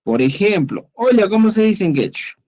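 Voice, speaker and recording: A man teaching an online class, explaining slowly and patiently, often checking that students follow. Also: high voice, big pitch swings, warm tone, low-quality recording. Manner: slow, patient, checks understanding with "¿ya?". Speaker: Quechua teacher.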